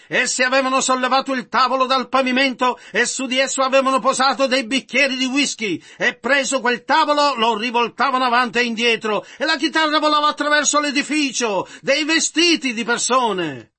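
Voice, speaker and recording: Bright, very high-voiced sermon interpreter. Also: male voice. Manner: measured, echoing the preacher's phrases.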